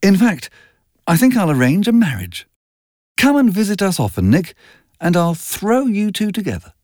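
A man's voice: high-pitched, very animated, moderate pace, darkish tone, dry recording, studio quality, pitched above the performer's own voice. A man voicing a restless, cynical young wealthy woman with a breathless, mocking manner in an audiobook reading. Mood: teasing. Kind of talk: audiobook character voice.

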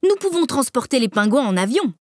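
A woman's voice: high-pitched, very animated, fairly quick, darkish tone, no echo, studio quality, voice pushed up. A woman voicing a well-meaning fifty-year-old man in a children's storybook reading, grand and welcoming.

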